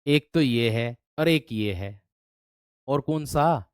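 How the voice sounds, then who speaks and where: A man teaching an online grammar class for exam students, often asking whether the class has understood and repeating words slowly as he writes. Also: medium pitch, lively intonation, smooth, no room sound, clean studio sound. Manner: repeats words slowly while writing on a board; asks the students frequent check-in questions. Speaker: Hindi teacher.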